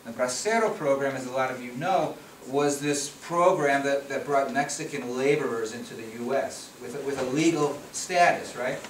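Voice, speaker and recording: Middle-aged guy from chicago, chatty talk, stumbles and repeats, roomy echo. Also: on the high side. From Chicago area, US. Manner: conversational, frequent restarts and repeated words. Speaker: policy researcher giving a talk. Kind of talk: conference presentation with slides. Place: meeting room at a conference. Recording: echoey room from far off, noisy.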